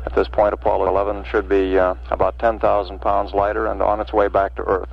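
A man giving halting, unscripted spaceflight commentary as a mission control announcer, with a gravelly voice. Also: on the low side, little pitch movement. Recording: dull vintage mission broadcast audio.

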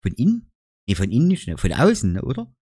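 Joking Saxon man with lively pitch. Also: fast, husky, no echo, studio quality. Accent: Saxon German. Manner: jokey, explains dialect words with lots of "ne?". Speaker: YouTuber. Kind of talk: casual vlog chat.

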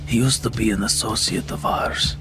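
Man playing a low, grave crime boss. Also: steady tone, moderate pace, natural voice, low-quality recording. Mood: grave, menacing. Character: grave, menacing crime boss father, comically solemn. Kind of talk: parody film acting. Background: music.

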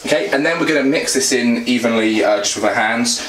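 His mid-range voice is fairly quick and fairly bright as this young British fitness vlogger casually explains cooking to camera. The meal prep host speaks informally and plainly from a small indoor home kitchen, with an echoey recording and clear background noise.

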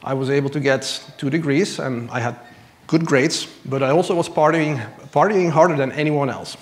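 A Belgian man in his thirties, a church member, tells his personal faith story from the church stage into a lapel mic, earnest and lightly self-deprecating. His voice is on the high side at normal speed, with slight background noise.

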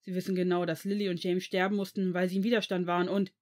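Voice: mid-range voice, brisk, natural voice. A reader voicing an angry, protective male potions master in a fan fiction audiobook, cutting and indignant. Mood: furious. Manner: cutting, indignant, shouting at times.

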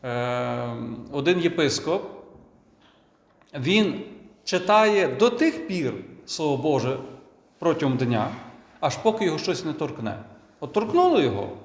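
A man, a priest, giving a conversational sermon full of rhetorical questions. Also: fairly high pitch. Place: church. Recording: echoey church with long reverb.

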